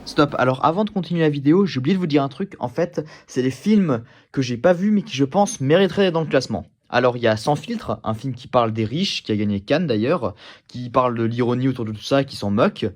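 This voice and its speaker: A man breaking in with a casual, informal aside to his viewers, listing films in quick succession. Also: medium pitch, animated. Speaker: film reviewer.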